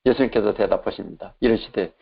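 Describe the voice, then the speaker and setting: A man, a pastor, preaching a sermon and retelling an exorcism as animated dialogue. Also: on the low side, quick pace, creaky, breathy edge. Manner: animated storytelling, acting out voices in quotes. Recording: dull lo-fi recording.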